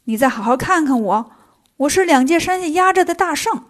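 A woman voicing a boastful, brash male monkey king in a children's story, teasing and quick to anger. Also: high voice, expressive. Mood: cheeky.

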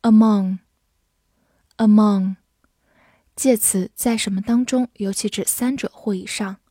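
Woman teacher going over vocab super slowly, says each word twice, mellow dark voice. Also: medium pitch, steady tone, no echo, clean studio sound. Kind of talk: slow vocabulary review reading.

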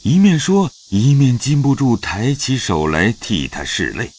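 A man narrating a classic novel as an audio drama, in a slow, expressive, dramatic reading. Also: mid-range voice, a little hiss or hum.

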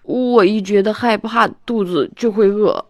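A woman's voice: medium pitch, measured pace, no echo, clean studio sound, lightly acted. A woman voicing a hungry, fretful little boy in a children's storybook reading, whiny and exclaiming.

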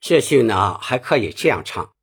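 A man's voice: lowish voice, sing-song, moderate pace, a bit bright, soft background music. A man giving a Peking opera singing lesson, patiently explaining each phrase and demonstrating it.

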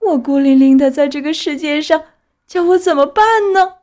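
A woman voicing a young wooden puppet boy in an audiobook, pleading in a high wailing voice. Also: expressive, normal speed. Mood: wailing grief. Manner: high wailing, sobbing pleas. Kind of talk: audiobook character voice.

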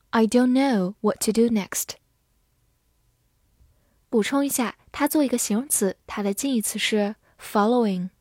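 A woman gives a measured English vocabulary lesson, spelling each word out letter by letter and reading example sentences slowly. Her pace is unhurried and deliberate, and the recording is dry and close, with no room sound. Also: on the high side, a little mellow, breathy edge, no echo. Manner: patient, methodical, spells words letter by letter. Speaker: English teacher. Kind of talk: vocabulary lesson, spelling and slow read-alongs.

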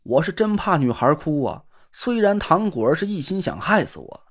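A man narrating a first-person story in a colloquial, wry, animated way. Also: a little high, normal speed, slightly rough.

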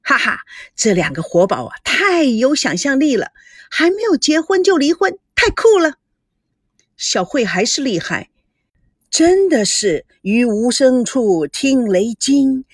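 A woman voicing an excitable young woman chatting with her older brother. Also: fairly high pitch, slightly rough, no room sound, studio quality, full character voice. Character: lively excitable young woman, little sister.

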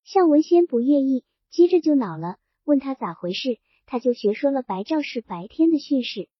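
Woman, novel reading, even storytelling, high pitch, dry close sound. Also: normal speed, dry recording. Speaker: audiobook reader. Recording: dry dull lo-fi recording.

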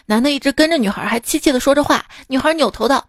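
A woman's voice: high-pitched, fast. A woman hosting a podcast, telling short funny stories in a chatty way and laughing at her own jokes, recorded on a close mic. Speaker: podcast host reading jokes. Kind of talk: casual joke storytelling.

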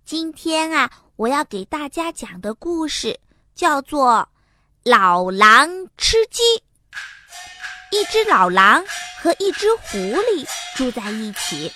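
High, sing-song woman telling a kids' story. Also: very animated, slow pace, bright, forceful tone, no echo. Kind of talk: children's storytelling. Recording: music playing behind. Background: background music.

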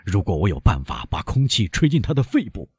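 A commanding doctor in a crisis, as a male reader plays him, pressing question after question. He sounds low and husky, with lively, rising pitch, in a dry audiobook recording. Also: fairly quick, dry recording, heavily acted. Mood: desperate.

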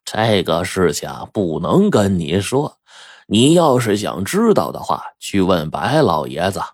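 A male storyteller voicing a plain-spoken man, a team leader, talking slowly and evenly. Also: low-pitched, big pitch swings, husky, no room sound, clean studio sound, heavily acted. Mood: calm earnest.

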